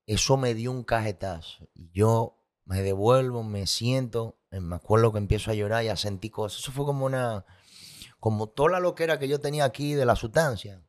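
A man's voice: medium pitch, moderate pace, darkish tone. A man telling his personal story as a guest, candid and emotional, with vivid sound effects and repetition.

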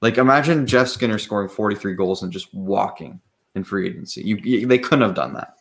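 Young male podcast host, lower voice, relaxed chat, quick to laugh. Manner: laughs easily, leads topics. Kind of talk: casual sports chat.

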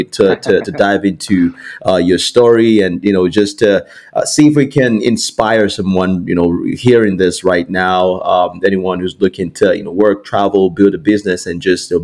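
A man's voice: low voice, a little mellow. A man hosting a podcast, speaking enthusiastically and casually with lots of "you know" fillers. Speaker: podcast host. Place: remote call while traveling.

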